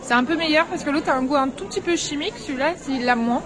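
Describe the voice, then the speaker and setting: A woman's voice: sits high, quick pace, a crowd in the background. A young woman chatting casually to her viewers while touring a snowy town and tasting market food. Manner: chatty, lots of fillers, addresses viewers directly. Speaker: travel vlogger. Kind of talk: casual travel vlog. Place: outdoors at a snowy castle and Christmas market. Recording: outdoor recording with street noise behind.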